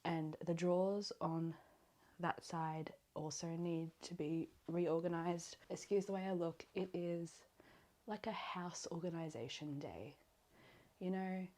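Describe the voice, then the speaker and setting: A woman's voice: lowish voice, steady tone, unhurried, dark tone. An Australian woman chatting casually in her bedroom about a book while tidying clothes, rambling with lots of fillers. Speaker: book vlogger. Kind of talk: casual chat.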